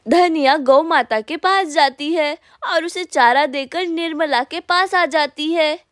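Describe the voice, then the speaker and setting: Very high, slow woman narrating a story. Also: a bit bright, dry recording, clean studio sound.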